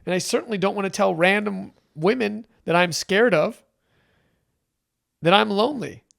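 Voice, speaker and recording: Gravelly man telling a candid story. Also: high-pitched, normal speed. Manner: animated, emotional, many restarts and acted quotes. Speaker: podcast guest.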